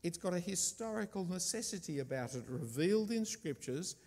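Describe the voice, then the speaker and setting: A man preaching a sermon, stressing and repeating key words with deliberate emphasis. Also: high-pitched, animated, a little mellow, in a large hall.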